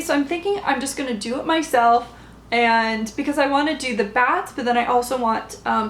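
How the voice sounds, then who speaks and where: Woman, podcast host, unhurried rambling chat, slightly high, echoey room. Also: vocal fry, fairly bright tone. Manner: chatty, rambling, many fillers and restarts. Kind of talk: casual chat showing yarn haul. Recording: echoey room, faint background noise.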